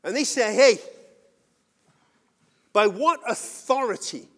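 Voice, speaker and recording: Male pastor, high-pitched, earnest conversational sermon, big swings in volume. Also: lively intonation, takes it slowly. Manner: earnest, conversational preaching with wide swings in loudness.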